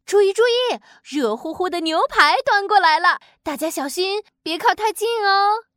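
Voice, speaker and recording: A woman plays a careful, loving storybook mother with a very high voice. She sounds close and dry, with a gentle warning lilt. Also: lively intonation, normal speed, no echo. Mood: caring. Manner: gentle and warning, bright and lilting. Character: caring, cautious mother in a storybook.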